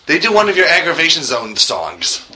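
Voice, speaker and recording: A man's voice: on the high side, very animated, moderate pace, sharp tone, a little hiss or hum, rough recording. A man co-hosting a podcast, chatting casually and laughing easily while reviewing a cartoon. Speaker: podcast co-host.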